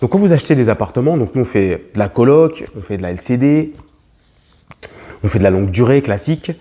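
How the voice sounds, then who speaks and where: A man's voice: medium pitch, lively intonation, brisk, mellow. Young man, investor vlogger, emphatic, repeats himself, restarts, fillers. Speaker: real estate investor vlogger. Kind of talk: talking to camera as a lesson.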